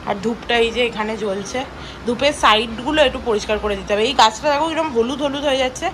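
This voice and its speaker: A woman's voice: fairly high pitch, quick pace, noisy background. A young woman from West Bengal chatting to viewers in a casual daily-life vlog while she does chores at home. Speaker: vlogger. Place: home, indoors.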